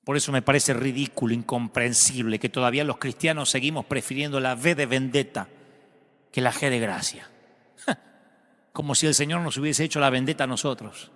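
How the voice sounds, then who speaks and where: Dramatic male pastor in a reverberant hall. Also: mid-range voice. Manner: dramatic, swells loudly when quoting the son. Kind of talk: sermon storytelling.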